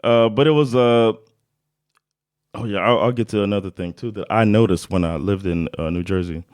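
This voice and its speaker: A man's voice: lowish voice, moderate pace, a little mellow, no room sound. An American man co-hosting a podcast, telling a history story in a loose, joking way and laughing often. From United States. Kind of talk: casual comedic history chat.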